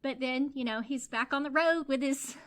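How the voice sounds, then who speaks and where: A woman co-hosting a book podcast in casual chat, lively and quick to laugh as she acts out bits of the story. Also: high voice. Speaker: podcast co-host.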